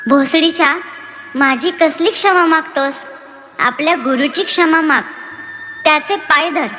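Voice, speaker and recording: An old male sage from a devotional story, blunt and earthy, who orders people about, as a woman puts him on. The voice sits high and rings in a long reverb, with faint music underneath. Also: a little slow, pushed and bright. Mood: scolding.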